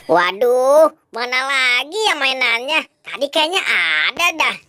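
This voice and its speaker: A performer voicing a cheeky, hot-tempered boy hero in a clown skit, scolding in a squeaky voice. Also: very animated, slow pace, bright, forceful tone, smooth, dry recording, heavily acted. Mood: curious. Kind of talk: costumed clown skit voice-over.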